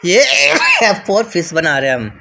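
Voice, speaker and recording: A man's voice: high voice, wildly swooping pitch, takes it slowly, noisy background. A man filming a casual home vlog, teaching his small child letters with short, repeated instructions. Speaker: father and family vlogger. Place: at home, indoors.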